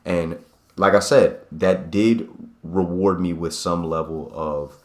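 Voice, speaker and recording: A man's voice: sits low, fairly even intonation, slow pace, darkish tone. A man in his late twenties talking casually to camera in a vlog, reflective and rambling, often restarting his sentences. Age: 20s. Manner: rambling, self-correcting, reflective. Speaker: vlogger. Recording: echoey room.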